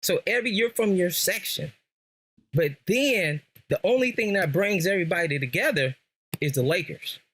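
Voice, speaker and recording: The speaker, an American-accented man from Los Angeles in Southern California, is a podcast guest and a lifelong Lakers fan. He talks casually at a moderate pace in a high, animated, fairly bright voice with a breathy edge, using slang in his stories and repeating phrases for emphasis.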